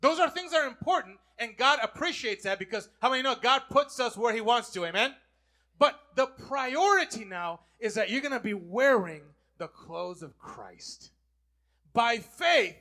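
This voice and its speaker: A man's voice: sits high, pushed and bright. A man preaching a sermon, calling on the congregation to repeat words back to him. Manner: call-and-response preaching, asking the congregation to repeat. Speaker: pastor.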